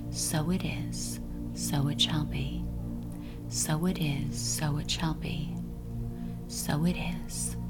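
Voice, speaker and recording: A woman speaks in a soft, breathy whisper, guiding listeners into sleep hypnosis like a bedtime story narrator. Her pitch sits on the low side and her pace is very slow and measured. She is soothing and repetitive, with loud music playing behind her voice. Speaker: hypnosis and sleep meditation guide. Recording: voice under loud continuous music.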